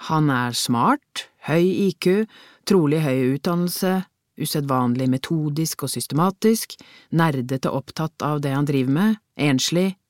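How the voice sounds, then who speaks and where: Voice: mid-range voice, dry recording, studio quality, close to an everyday voice. A reader voicing an impatient male investigator. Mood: explaining. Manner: impatient, pressing. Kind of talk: audiobook character voice.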